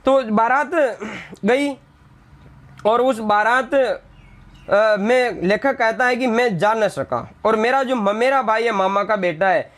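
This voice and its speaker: Male teacher with a high pitch, patiently retelling a story text line by line for students. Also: slow, a bit bright. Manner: reads a line of the text, then re-explains it in simpler words; briefly acts out the village women's scolding lines. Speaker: Hindi teacher. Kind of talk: classroom lesson explaining a text.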